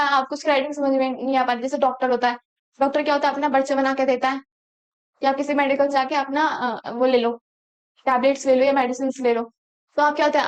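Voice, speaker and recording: High-voiced woman teacher lecturing. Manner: explains in Hindi mixed with English terms, asks the class rhetorical questions. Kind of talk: exam-prep lecture.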